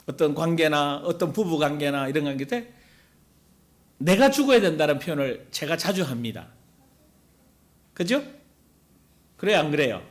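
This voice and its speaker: A man's voice: a little high, big pitch swings, moderate pace, pauses often. A middle-aged man preaching a sermon as pastor, talking with the congregation in a conversational way, asking them questions and acting out everyday complaints.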